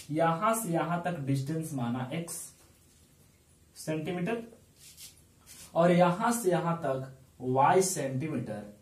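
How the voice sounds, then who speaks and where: Slow, high-voiced man teaching math. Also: darkish tone. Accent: Bihari Hindi. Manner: explains step by step, asks and answers his own questions. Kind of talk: whiteboard math lesson. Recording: echoey room, mic far off.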